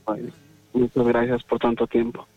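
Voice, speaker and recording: A man's voice: medium pitch, completely flat delivery, moderate pace. Man on a muffled phone call. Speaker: listener calling in to a radio show. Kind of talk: sincere casual phone dedication. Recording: dull phone call, music behind.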